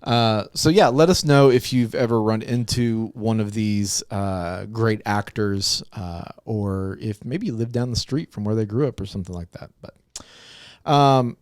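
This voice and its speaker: A man's voice: on the low side, unhurried, darkish tone, no room sound, studio quality. A man from Arkansas co-hosting a podcast, chatting casually, rambling with many restarts and easy laughs. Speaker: podcast co-host. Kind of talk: casual chat.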